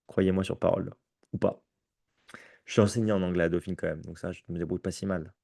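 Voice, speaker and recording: A man's voice: low voice, little pitch movement, fast, gravelly, warm tone, slightly rough, no echo, studio quality. A man teaching, presenting entrance exams to an audience in a conversational way, often checking "ok?", with restarts along the way, and with a French accent. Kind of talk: live conference presentation.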